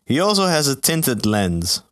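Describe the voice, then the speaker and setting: Deadpan young man on a podcast. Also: medium pitch, a little slow, no room sound, clean studio sound. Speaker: podcast co-host. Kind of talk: casual comedic chat.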